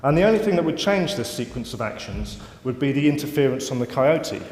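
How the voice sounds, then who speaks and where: A man's voice: mid-range voice, very animated, fairly quick, a little mellow, slight background noise. A man giving a live lecture, wry and self-mocking, with rambling asides. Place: lecture hall. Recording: roomy hall reverb, faint ambience.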